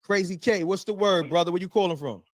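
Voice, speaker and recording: Energetic man hosting a call-in livestream. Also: high-pitched, quick pace, dry recording. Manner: energetic, hyping the audience. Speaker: livestream host taking calls. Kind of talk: casual hype talk show.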